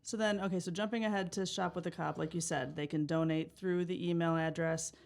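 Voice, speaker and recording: Low, gravelly woman hosting a chat. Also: fairly even intonation, a little fast. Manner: chatty, encouraging, lots of backchannel and laughter. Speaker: podcast host. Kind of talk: casual podcast interview.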